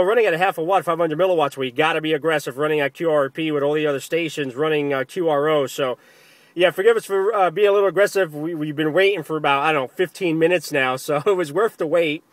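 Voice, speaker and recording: A man with a voice on the high side makes a ham radio contact outdoors, speaking both over the air and to the camera. He repeats phrases to stress them, and the recording is dry.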